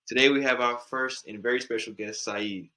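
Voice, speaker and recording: A man's voice: medium pitch, fairly even intonation, normal speed, sharp tone. A man hosting a college podcast, chatty and enthusiastic as he introduces a guest and shares his own experience. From St. Louis, USA. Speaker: podcast host. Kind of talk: podcast interview.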